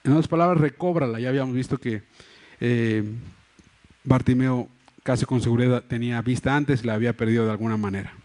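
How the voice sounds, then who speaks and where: Brisk and a little mellow, a man's mid-range voice delivers a sermon as pastor. He speaks with a Mexico City Spanish accent, explaining earnestly while often using fillers and restarting. The setting is a church hall, recorded on a livestream microphone.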